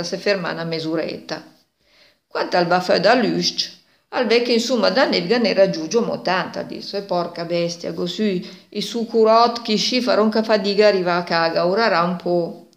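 A woman in her sixties with a Milanese accent, telling a story informally in dialect and acting out bits of dialogue. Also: lowish voice. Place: small kitchen indoors. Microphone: phone at arm's length. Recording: echoey domestic room.

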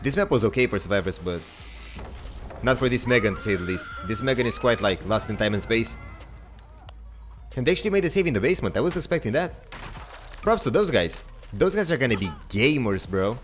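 A young man casually commentating his own gameplay, chatty and excitable, swearing now and then and talking to his viewers. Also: medium pitch, brisk, pauses often, faint music behind. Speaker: game streamer.

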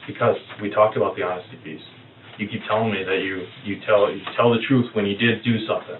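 Fast-talking male detective, coaxing. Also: lowish voice, steady tone. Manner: quick, coaxing persuasion. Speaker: police detective. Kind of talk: police interrogation. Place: police interview room. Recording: distant, phone-like, noisy.

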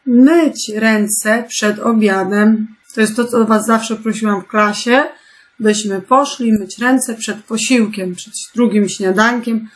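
A woman teacher speaks slowly and carefully to young children, spelling out each instruction. Her voice sits a little high. She keeps turning to her pupils with gentle questions. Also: steady tone. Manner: slow, patient, clearly articulated instructions. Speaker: primary school teacher. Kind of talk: remote lesson for young children.

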